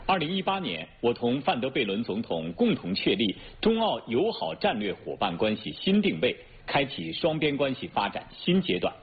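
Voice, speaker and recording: A man reading scripted news as an anchor in standard mainland Mandarin, formal, measured and precise. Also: medium pitch, sing-song, breathy edge. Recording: tinny narrowband broadcast with faint noise.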